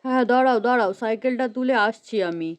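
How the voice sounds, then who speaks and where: A woman voicing an easygoing middle-aged village husband in a doll story, calm and dismissive of the fuss. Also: fairly high pitch, fast talker, smooth, close to an everyday voice. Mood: placid.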